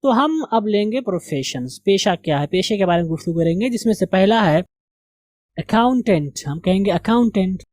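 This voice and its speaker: A man teaching English as a classroom lesson, slowly and deliberately drilling the pronunciation of words. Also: high voice, lively intonation, darkish tone, no room sound.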